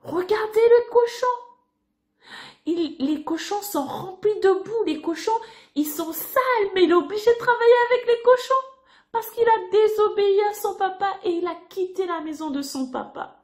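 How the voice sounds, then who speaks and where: A woman's voice: very high voice, normal speed, darkish tone. A woman telling a Bible story to children, talking to them directly, with knocking and sing-song sound effects.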